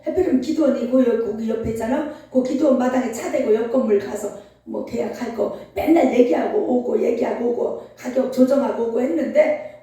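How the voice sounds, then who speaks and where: A woman pastor preaching an animated storytelling sermon, often laughing and acting out dialogue. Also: on the high side. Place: church sanctuary. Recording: echoey hall, distant mic.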